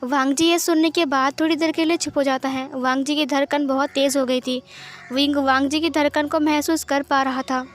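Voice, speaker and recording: A woman narrating a fan-fiction story in a steady, plain storytelling manner. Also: high-pitched, moderate pace.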